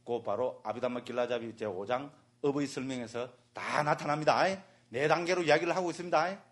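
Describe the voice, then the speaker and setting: A man, a Buddhist monk, giving a jokey, animated lecture and keeps asking the class "right?". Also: medium pitch, fairly quick. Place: meditation center lecture hall.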